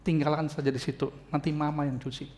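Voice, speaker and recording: A preacher putting on a tender mother who speaks softly and low to calm her frightened young child. The voice sits slightly deep for her and stays quiet and reassuring throughout, like a sermon storyteller briefly stepping into her part. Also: fast, close to an everyday voice. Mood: gentle. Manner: soft, soothing, reassuring.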